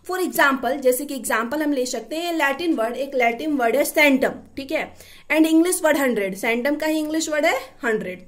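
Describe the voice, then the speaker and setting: High-pitched woman teaching a lesson. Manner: reads English lines slowly then explains in Hindi. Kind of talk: explaining a linguistics lesson.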